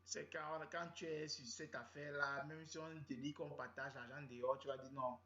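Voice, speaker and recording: A man's voice: fairly high pitch, flat delivery, moderate pace, bright, forceful tone. A man with a Cameroonian French accent telling a comic story in a rambling, slangy, repetitive way. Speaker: comedian storyteller. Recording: roomy, dull lo-fi sound.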